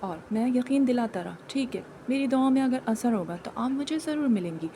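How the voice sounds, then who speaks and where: An earnest young suitor, voiced by a woman in a dramatized story reading, insisting on his feelings again and again. The voice sits fairly high and sounds warm and mellow. A faint background hum is present. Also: animated, brisk. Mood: pleading. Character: young man, lovestruck and pleading suitor.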